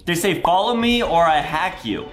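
Speaking at a moderate pace in a high, animated voice, a young American man dramatizes gameplay for kids in a childlike, exaggerated style, saying things over and over as the host of a gaming video. The indoor room is reverberant, and music runs behind him.

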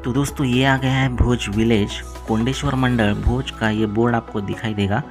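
A man's voice: mid-range voice, steady tone, moderate pace, music in the background. Man narrating a rural travel vlog. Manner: guiding viewers with directions. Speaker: travel vlogger. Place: outdoors on rural roads and by waterfalls.

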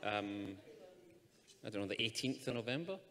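Teasing man with a lively voice. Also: lowish voice, normal speed, noisy background. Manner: joking, teasing. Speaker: actor on a festival panel. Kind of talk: panel talk. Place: festival stage.

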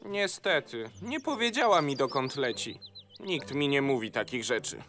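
A man's voice: medium pitch, animated, normal speed, bright, forceful tone, faint music behind. A man voicing a mournful, self-pitying snail in a children's cartoon, grumbling plaintively. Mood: glum. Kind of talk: animated children's cartoon dubbing.

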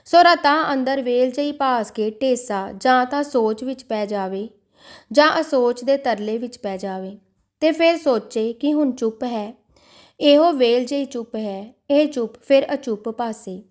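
Woman reading a devotional audiobook. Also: a little high. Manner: measured, devotional storytelling. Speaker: audiobook narrator. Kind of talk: scripted audiobook narration.

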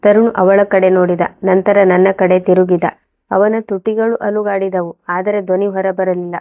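A woman narrating a scripted first-person story in a calm, steady way. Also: mid-range voice, normal speed, dull audio.

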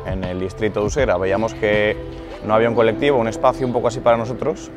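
A man's voice: lowish voice, little pitch movement, fast talker, over music. A man being interviewed outdoors for a documentary, speaking thoughtfully and restarting his phrases as he explains a youth project. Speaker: youth boxing association founder. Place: outdoors in a city neighborhood. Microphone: lapel mic.

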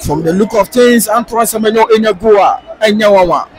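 A high-voiced man with a Ghanaian accent calls a football match live, his delivery excitable and sing-song, breaking into shouts when play gets close to goal. A crowd hums faintly behind him, with some outdoor noise in the mix. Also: fairly quick, low-quality recording. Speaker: football commentator. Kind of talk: live match commentary mixing English and Twi.

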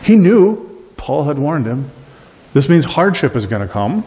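A middle-aged man preaching a sermon as pastor of a small church, animated and gesturing widely. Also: on the high side, a little slow. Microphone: far camera at back of room. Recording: long reverb from a church hall.

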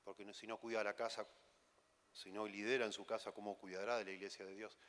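Talking fast in a lowish, level, fairly bright voice, a man with an Argentine accent preaches at a conference hall. His sermon is conversational and teasing, full of rhetorical questions, and the hall gives it long reverb.

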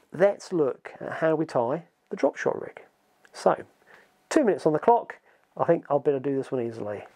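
A man's voice: on the high side, gravelly. A man in his forties with an English accent, talking casually to camera as he shows fishing gear and how to rig it, recorded seated in a small home studio. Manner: relaxed, chatty, explaining with hand gestures. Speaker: fishing channel host.

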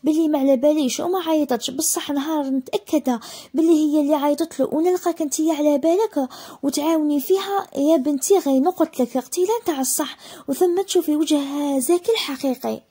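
A woman's voice: sits high, quick pace, mellow, lightly acted. A woman voicing a stern, controlling husband who interrogates and threatens his wife. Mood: threatening.

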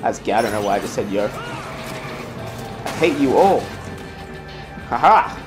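Male gamer, casual commentary, sweary, self-deprecating, mid pitch, faint music behind. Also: expressive, slow pace. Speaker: gaming host.

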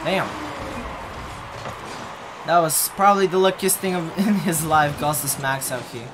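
A young man streams at a measured pace from his home desk, using a headset during casual play-along chat. Blunt and mumbling, he answers chat with low asides, and the background is noisy with loud game music.

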